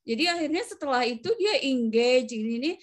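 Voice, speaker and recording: A woman's voice: sits high, animated, quick pace. A woman who works as a nurse, chatting casually on a podcast and telling rambling stories full of fillers. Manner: anecdotal, rambling storytelling with many fillers.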